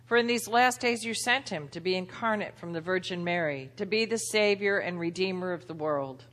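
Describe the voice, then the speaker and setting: A woman's voice: on the low side, a bit bright. Woman celebrant in long church echo. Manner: measured, solemn intoning. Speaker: celebrant leading a Eucharist service. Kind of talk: liturgical prayer recitation.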